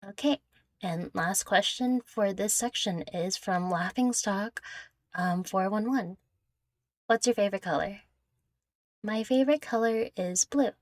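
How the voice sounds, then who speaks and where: This young woman's mid-range, darkish voice moves a little slowly as she casually works through viewer questions, giggly, rambling and self-deprecating. She's close to the mic on a dry recording.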